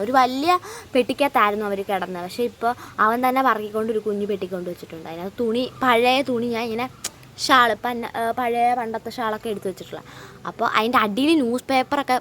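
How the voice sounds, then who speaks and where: A woman's voice: fairly high pitch, a bit bright. A woman vlogging casually while walking around her home garden, chatting to her viewers as she films on a phone. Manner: chatty, addresses viewers as guys. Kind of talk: casual vlog walkthrough. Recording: faint outdoor background noise.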